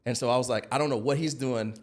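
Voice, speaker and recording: An American man in his early forties, a digital marketing consultant appearing as a podcast guest, tells stories in a casual, conversational way. He talks fast in a mid-range voice.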